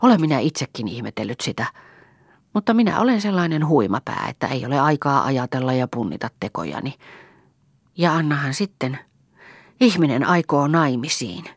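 A woman reading an impulsive, talkative young village woman in an audiobook, lively and emotional. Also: very deep voice, husky, dry recording, clean studio sound, exaggerated voice. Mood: tearful. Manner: lively and chattering, quick to laugh and cry.

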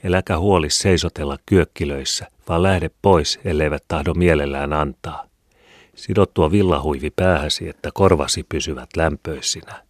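A man with a very deep voice voicing a worn-out poor mother who speaks in an anxious, pleading way, read in a dry studio. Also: no room sound. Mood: urging.

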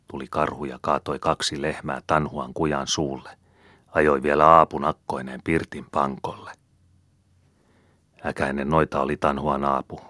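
A man reading a book aloud as an audiobook narrator, steady and measured. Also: extremely low pitch, no echo, studio quality. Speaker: audiobook reader. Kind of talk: scripted narration.

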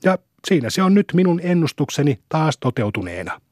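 Brief: gossipy, moralizing neighbor woman, as a male reader puts her on, husky, higher and shrill. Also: big pitch swings, a little mellow, dry recording, clean studio sound. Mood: lamenting. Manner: lamenting, shrill when triumphant. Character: flustered, preachy neighbor woman, middle-aged.

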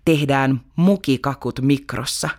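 A woman's voice: very deep voice, darkish tone. A woman voicing a patient, busy mum. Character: busy working mother, patient and practical. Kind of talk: storybook reading.

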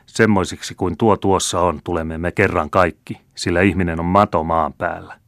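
A harsh old village witch, voiced by a man reading the tale, scolds in a low, curt voice. The recording is close and dry, with no room sound. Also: fairly even intonation, a bit bright, no room sound. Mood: stern. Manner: snapping, scolding. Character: stern old woman, short-tempered village witch.

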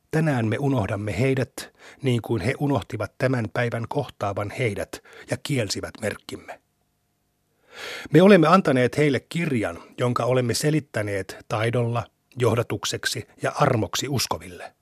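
Husky-voiced man reading scripture. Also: medium pitch, no room sound, clean studio sound. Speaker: scripture reader.

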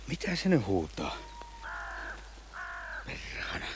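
A man narrating his own unhurried, reflective thoughts as a hunter out in the woods. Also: low-pitched, huge pitch swings, creaky, noisy background. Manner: musing, unhurried. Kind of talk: reflective inner monologue in a drama.

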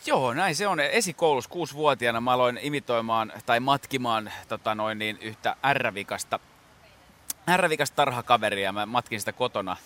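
A man's voice: mid-range voice, pushed and bright. A man, a guest impressionist, telling stories in a rambling way, with many fillers and restarts, in a radio studio. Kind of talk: casual interview talk.

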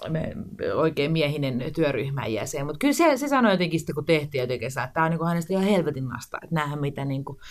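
A woman's voice: deep voice, big pitch swings, hardly any pauses. Chatty woman in her forties. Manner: chatty, with many fillers and restarts. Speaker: guest, screenwriter and director. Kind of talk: casual interview chat.

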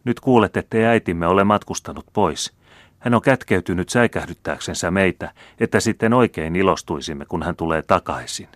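A man's voice: deep voice, dry recording, lightly acted. A man reading the part of an anxious young noblewoman who speaks breathlessly and pleads.

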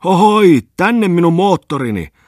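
A man reading an audiobook voices a loud, excitable lame man who rants scornfully and breaks into shouts. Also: low-pitched, slightly rough, no echo, studio quality. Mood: excited. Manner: raves loudly, jumps into shouts. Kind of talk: audiobook character voice.

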